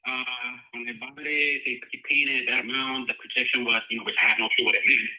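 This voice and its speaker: A man's voice: mid-range voice, steady tone, fast talker, pushed and bright, low-quality recording. A man in his fifties, a client on a call, speaking casually and in plain, informal words. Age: 50s. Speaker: client, policyholder.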